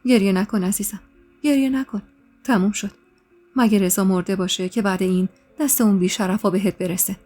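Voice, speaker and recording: A woman's voice: medium pitch, soft background music, close to an everyday voice. Storybook older brother, protective and comforting, played by a woman. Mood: tender. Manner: firm then gentle, comforting.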